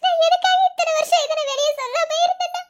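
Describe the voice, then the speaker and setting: A woman voicing a tender, grieving foster mother in a cartoon, with a Madurai Tamil accent, speaking softly and tearfully, laughing through her sorrow. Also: very high-pitched, steady tone, quick pace. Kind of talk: cartoon voice acting.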